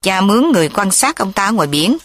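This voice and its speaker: A woman's voice: medium pitch, big pitch swings, quick pace, dry recording, clean studio sound. Woman doing a ruthless, scolding old father. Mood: harsh. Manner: harsh, scolding. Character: ruthless older father, scheming and harsh.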